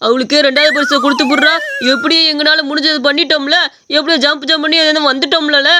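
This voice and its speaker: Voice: high-pitched, little pitch movement, fast, background noise, lightly acted. A voice actor playing a hefty, clumsy young village man who complains and boasts in a cartoon story. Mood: boastful. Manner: complaining, pleading.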